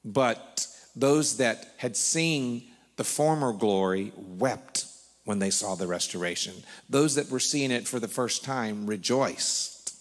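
Male preacher, quick delivery, conversational teaching; long hall reverb. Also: medium pitch, lively intonation. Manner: talks fast, quotes scripture with emphasis. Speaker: preacher co-hosting a Bible teaching.

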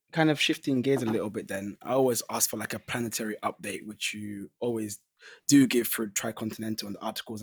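Husky, low-voiced male podcast host. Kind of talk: podcast interview.

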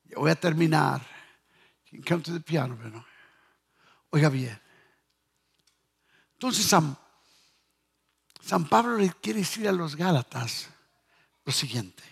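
A man preaching a fervent sermon as pastor, switching between shouted sing-song lines and low, quiet murmurs. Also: expressive, unhurried, creaky, pauses often, husky. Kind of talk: Pentecostal-style sermon. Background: music playing.

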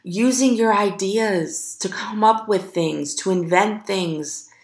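A woman hosts her own podcast, speaking slowly and earnestly to encourage her listeners. Her voice sits low with a gravelly fry. The recording has a noticeable roomy echo. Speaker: podcast host. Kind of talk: motivational podcast monologue.

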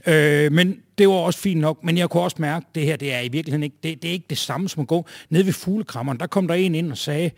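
A man's voice: fairly high pitch, gravelly, few pauses, no echo, studio quality. A middle-aged man telling a wry, self-mocking story about his working life to a live audience.

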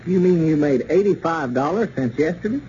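An actor playing a skeptical, plain-spoken storekeeper, dry and matter-of-fact, in an old radio serial. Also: male voice, on the high side, animated, fairly quick, warm tone, close to an everyday voice. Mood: grumbling. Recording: dull, noisy old radio recording.

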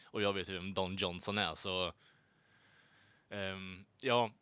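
Male co-host, rambling, hesitant, casual swearing, bright sharp tone. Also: deep voice, steady tone, clear, resonant tone, dry recording. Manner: rambling, many filler sounds, swears casually. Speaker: podcast co-host reviewing films and music. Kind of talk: casual chat.

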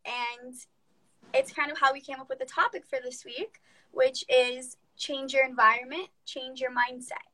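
A woman's voice: high voice, bright, forceful tone, poor audio. A young woman co-hosting a casual live chat, upbeat and asking her audience questions. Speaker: podcast co-host.

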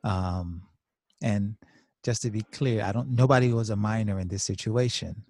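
A man co-hosting a podcast as a clinician, talking through ideas in a thoughtful, measured way with hesitant restarts. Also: lowish voice, darkish tone, dry recording. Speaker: podcast host, clinical social worker. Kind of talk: casual podcast discussion.

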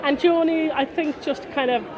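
A woman's voice: sits high, fairly even intonation, normal speed, low-quality recording. Woman in her forties, west of Ireland accent, casual rambling storyteller, crowd murmur behind. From Connemara, west of Ireland. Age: 40s. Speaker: interviewee, folk musician. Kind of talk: casual chatty interview. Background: crowd after a concert.

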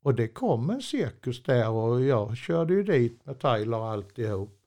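A man's voice: medium pitch, big pitch swings, darkish tone. An older man, a former truck driver, telling a long anecdote in a chatty, meandering way, with many fillers and restarts and frequent chuckles. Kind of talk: rambling anecdotal storytelling.

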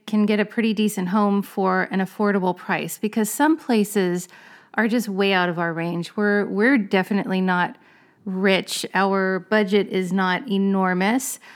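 A woman in her fifties with a mid-range voice co-hosts a podcast interview. She is chatty and upbeat and talks directly to the listeners. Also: medium pitch. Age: 50s. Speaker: podcast co-host.

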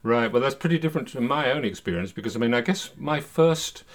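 A man's voice: mid-range voice, animated, quick pace. An older man hosting a podcast, introducing it and talking conversationally in a studio. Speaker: podcast host.

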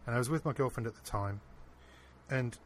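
A man being interviewed, earnestly telling a personal anecdote in a casual, animated way. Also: medium pitch, fairly quick, a little hiss or hum. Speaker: interview guest. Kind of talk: casual storytelling.

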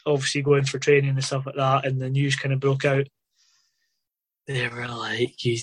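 A man's voice: medium pitch, monotone, normal speed, breathy edge, dry recording. A man telling stories in an interview about his days as a footballer, rambling casually with lots of fillers like "obviously" and "you know". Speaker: former footballer guest.

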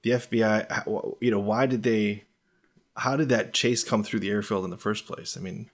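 A man with a fairly low voice picks at a film's coincidences and pet peeves. He sounds wry and amused in a casual review chat. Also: steady tone, moderate pace. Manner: wry, complaining about plot holes. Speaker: podcast co-host.

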